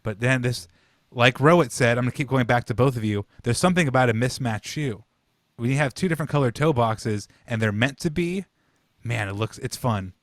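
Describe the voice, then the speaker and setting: A man's voice: medium pitch, brisk, dry recording. Chill guy podcasting, medium voice, dry close sound, talks loose and chatty. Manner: laid-back, chatty storytelling with swearing. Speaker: podcast co-host. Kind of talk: casual chat.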